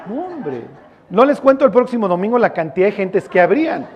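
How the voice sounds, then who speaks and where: A man's voice: sits high, very animated, a little fast, dull audio, some chatter behind. A man with a Mexican accent preaching a sermon as a pastor, in a casual, joking, storytelling way with slang.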